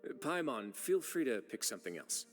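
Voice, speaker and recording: A man playing a composed, dryly polite official who speaks in a measured, formal way. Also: mid-range voice, sing-song, soft background music.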